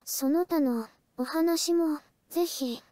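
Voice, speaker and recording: A woman with a very high, girlish pitch narrates a creepy ghost story. Her tone is soft-edged and mellow, and she delivers the script in measured short phrases. The recording is close and dry. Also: no room sound.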